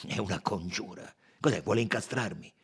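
A man voicing a loud, defensive Italian chauffeur in an audiobook, blustering and emphatic. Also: on the low side, breathy edge. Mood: protesting. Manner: blustering, emphatic, quick to protest. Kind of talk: audiobook character reading.

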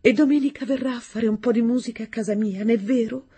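A woman voicing a breathless, flirtatious foreign countess who speaks high and eager. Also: steady tone, fast talker, dark tone, husky.

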